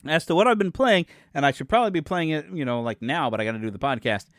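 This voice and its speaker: This man in his forties talks fast and animatedly on his own podcast, his fairly high, fairly bright voice wandering from point to point as he fixes his own slips and pokes fun at himself. It's a dry recording with clean studio sound.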